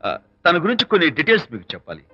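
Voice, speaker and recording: An eager, charming suitor. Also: male voice, on the high side, wildly swooping pitch, very fast. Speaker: photographer and suitor. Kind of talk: film comedy dialogue. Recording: dull lo-fi film soundtrack with loud music.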